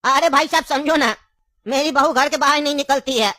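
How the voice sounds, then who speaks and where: A scheming old grandfather who coaxes and insists, voiced by a woman with a high, bright tone. The sound is close and dry, and the delivery has a comic, laughing edge. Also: normal speed, no echo. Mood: coaxing. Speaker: comic skit actor. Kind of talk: comedy skit acting.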